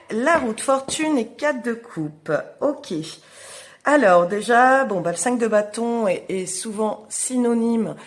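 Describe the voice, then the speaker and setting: A young woman astrologer giving a casual tarot reading to viewers, halting and full of fillers. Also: a little high. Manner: hesitant, many fillers, slow and halting.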